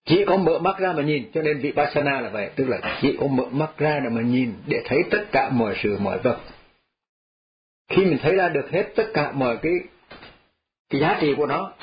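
A man's voice: a little high, expressive, fairly quick. A man, a Buddhist monk, gives a folksy, repetitive dharma talk and chuckles as he tells parables. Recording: slightly dull lo-fi audio.

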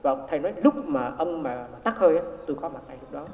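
A man's voice: fairly high pitch, lively intonation, fast talker. A man, a Buddhist monk, giving a dharma talk as he tells a story, repeating words and acting out the quoted exchanges. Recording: echoey hall, dull lo-fi sound.

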